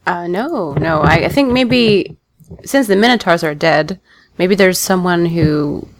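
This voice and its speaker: A woman's voice: fairly low pitch, measured pace, gravelly. A woman playing a tabletop game, playful and teasing the other players.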